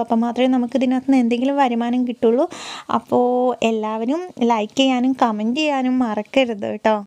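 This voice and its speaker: A woman, a mother vlogging her day in a chatty way, trailing off with soft tag words and coaxing her little son in sing-song baby talk. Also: fairly high pitch, dry recording. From Kerala, India. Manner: chatty, repeats soft tags like "kettoo". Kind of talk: casual vlog narration.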